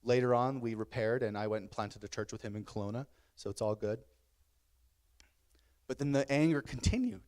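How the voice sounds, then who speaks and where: A man's voice: medium pitch, moderate pace, a little mellow. A man in his thirties, a pastor preaching a sermon in his church, telling personal stories candidly and building to emphatic bursts. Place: church sanctuary.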